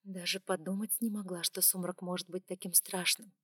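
A woman's voice: fairly low pitch, flat delivery, moderate pace, sharp tone, breathy edge, no room sound. Woman narrating an audiobook, dry and close. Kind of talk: first-person audiobook narration.

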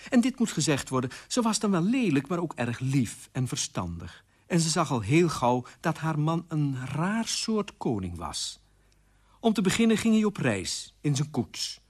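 Guy reading a fairy tale on the radio, bouncy expressive voice, kinda high. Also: measured pace, breathy edge. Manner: lively, expressive storytelling. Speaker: storyteller.

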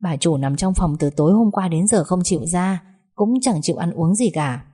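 A plain, polite household maid, as a woman reader puts her on answers simply in a low, warm voice. She speaks respectfully and without fuss. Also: moderate pace, slightly rough.

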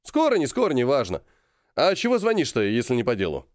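A man's voice: medium pitch, wildly swooping pitch, fairly quick, dry recording, clean studio sound. A man voicing a jovial, scheming middle-aged colonel who banters and stretches words for emphasis. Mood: bantering.

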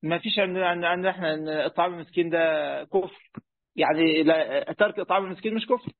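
A man with an Egyptian Arabic accent, a Quran commentary teacher, gives a classroom lesson explaining a religious text, chatting and asking his students lots of questions with many fillers. His voice is a little high and he talks fast. The audio sounds like a phone call, with no room sound.

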